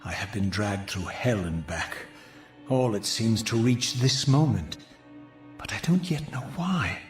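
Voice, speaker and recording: A tormented undead wraith broods in formal, theatrical lines, his pitch swinging widely. The voice echoes over music, bitter and questioning, in the manner of a gothic fantasy game. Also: animated, a little slow. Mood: bitter anguish. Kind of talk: dramatic video game voice acting.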